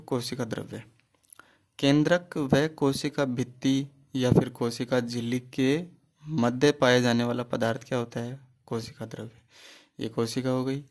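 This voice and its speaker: A man with a mid-range, darkish voice gives an exam-prep biology lecture. He poses questions, answers them himself and keeps repeating the key terms.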